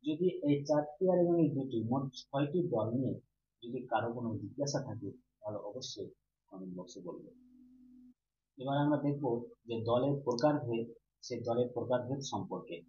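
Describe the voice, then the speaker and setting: A man teaching a grammar lesson with a mellow, dark voice. He keeps asking questions and then answers them himself, repeating each term slowly. The sound is roomy and a little dull, with a faint hum behind it. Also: medium pitch. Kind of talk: Bengali grammar lesson for students.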